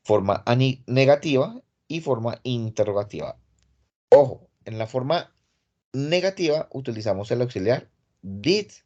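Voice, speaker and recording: A man's voice: mid-range voice, a little mellow, highs cut off. A man teaching English grammar in an online class, explaining step by step in a patient, casual way over a computer mic. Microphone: computer mic on a video call.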